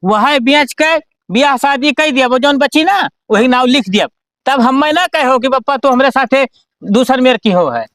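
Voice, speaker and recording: A man's voice: extremely high pitch, expressive, moderate pace, a bit bright, dry recording. A man playing an exasperated, hard-working village father who grumbles in an Awadhi accent in an amateur comedy sketch. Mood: scolding. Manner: complaining, grumbling.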